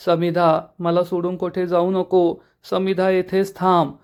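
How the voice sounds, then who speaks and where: A man's voice: sits high, level tone, a little slow, darkish tone, clean tone. A man voicing a confused young man just coming round, pleading and rambling, read out in a serial recap.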